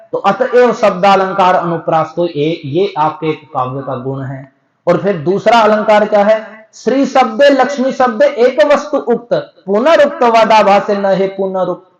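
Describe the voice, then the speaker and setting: A man teaching a scripture discourse, explaining step by step and chanting verses slowly. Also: high-pitched. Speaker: spiritual teacher. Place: temple hall. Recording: echoey, dull lo-fi recording.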